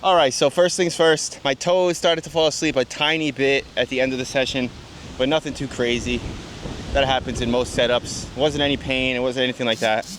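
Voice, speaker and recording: A man's voice: mid-range voice, steady tone, brisk, a bit bright, slight background noise. A man talking casually in a skate vlog, cheering himself on and swearing at missed tricks, then catching his breath to give his impressions. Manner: self-encouraging, swears when tricks fail. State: out of breath after skating. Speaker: skate vlogger. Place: outdoors at a skate spot.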